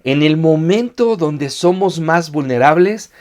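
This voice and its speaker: A man's voice: fairly high pitch, lively intonation, measured pace, darkish tone. A man giving an earnest sermon as a pastor, asking his listeners rhetorical questions. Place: church online meeting.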